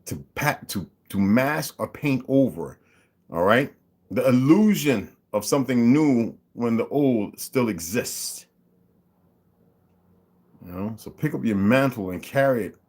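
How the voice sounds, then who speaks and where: A man with a mid-range, darkish voice speaks unhurriedly and with lively intonation. He hosts his own channel and works through his views in a casual monologue, throwing in emphatic, mocking asides, reading figures aloud and asking listeners to follow along.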